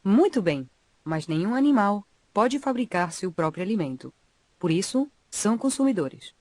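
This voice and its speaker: A woman's voice: medium pitch, very animated, normal speed, a little mellow, dry recording. A woman playing an encouraging schoolteacher in a scripted educational cartoon, explaining to pupils.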